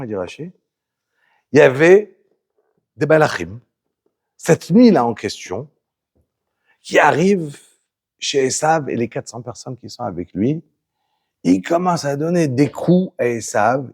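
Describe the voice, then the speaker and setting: A male Torah teacher talks to a small group with a lively, sing-song delivery, keeps firing questions at his listeners, and sits a little high for a man. His voice has a husky grain.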